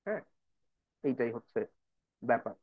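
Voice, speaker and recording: A man's voice: medium pitch, animated, moderate pace, breathy edge, no room sound. Man tutoring over tinny audio. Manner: explanatory, addresses viewers as brother and sister, switches into English phrases. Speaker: IELTS speaking tutor. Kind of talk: online lesson mixing Bengali and English.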